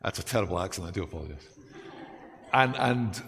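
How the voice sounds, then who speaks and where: A man preaching a sermon as pastor, lively and self-deprecating, with dramatic pauses. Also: low voice, long reverb tail, slight background noise.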